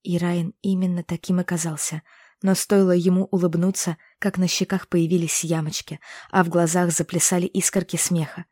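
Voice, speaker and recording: Woman, audiobook narrator, low warm voice, dry close recording, intimate storytelling. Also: level tone, brisk, no room sound. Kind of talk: first-person fantasy romance audiobook reading.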